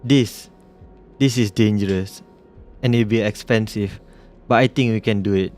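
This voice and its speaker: Tired guarded doc from a sci-fi game, some guy reading it out, low voice, quiet and even. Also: unhurried, soft background music, natural voice. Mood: weary, guarded. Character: weary cyborg doctor, guarded and apologetic.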